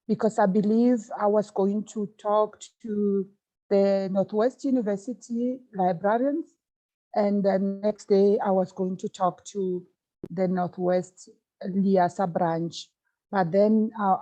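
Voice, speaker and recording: A woman giving a formal presentation over a video call, her voice slightly hoarse, polite and measured. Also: mid-range voice, mellow, low-quality recording. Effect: speaking over a video call. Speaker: guest speaker.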